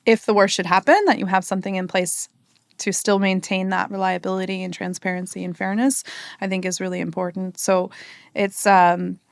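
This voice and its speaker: Appearing as a guest on a podcast, a US marketing executive talks casually and conversationally, working through thoughts aloud with fillers and tag questions like "right?" Her medium-pitched, level voice is fairly quick, clear and resonant with some vocal fry, recorded at studio quality with no echo.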